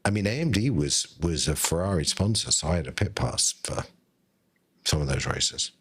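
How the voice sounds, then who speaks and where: A man, a technology executive, speaking as a podcast guest in a measured, wry way. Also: very deep voice, lively intonation, husky. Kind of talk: casual podcast chat.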